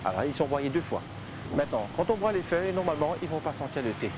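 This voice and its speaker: A man guiding visitors through tea fields and a factory, explaining in halting sentences full of fillers. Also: a little high, big pitch swings, noisy background. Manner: halting, with frequent fillers and restarts. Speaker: tea estate guide. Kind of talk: explanatory interview answers.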